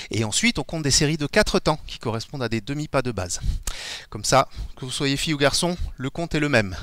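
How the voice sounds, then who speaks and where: Counting out the beats while showing steps in a dance studio, a middle-aged man from France leads a live online dance class. He has a fairly high, fairly bright voice, captured by a distant camera with no room sound.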